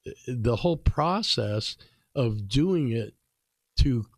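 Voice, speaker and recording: A man giving measured, deliberate commentary on a talk radio show in a conversational style. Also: mid-range voice, lively intonation, gravelly, no room sound. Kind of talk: conversational political and moral commentary.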